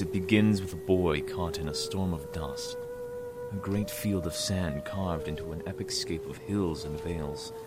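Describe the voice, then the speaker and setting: A man narrating a dramatic scripted story. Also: sits low. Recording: music score behind.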